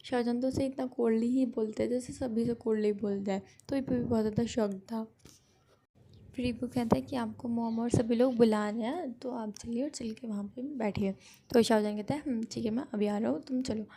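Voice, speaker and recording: A woman's voice: a little high, steady tone, normal speed, warm tone. Give me a chatty woman narrating a story, self-correcting, with faint background noise. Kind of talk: casual retelling of a fan fiction.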